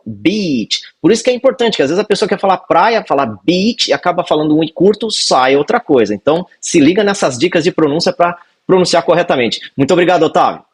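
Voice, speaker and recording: A man from Brazil hosting a casual video lesson, teaching English and repeating words slowly to model their pronunciation. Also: fairly high pitch, breathy edge. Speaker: English teacher, channel host.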